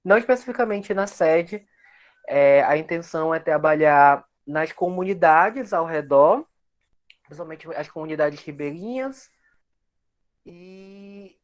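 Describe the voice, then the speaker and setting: A man's voice: fairly high pitch, animated, a little slow. A young man, a researcher guest explaining his work reflectively at length. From Amazonas, Brazil. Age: young adult. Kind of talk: casual interview.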